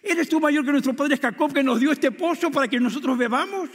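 A man's voice: very high voice, a little fast, fairly bright tone, pitched above the performer's own voice. A man voicing a surprised Samaritan woman at a well, asking incredulous questions. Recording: long hall reverb.

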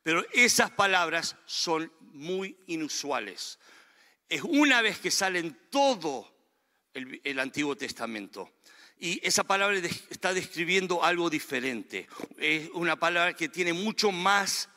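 A man preaching in earnest, his fairly high, bright and forceful voice pressing each point home. His sermon rings through a large church hall with a long, lingering reverb. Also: lively intonation, unhurried. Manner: earnest, emphatic preaching with rising and falling delivery. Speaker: pastor.

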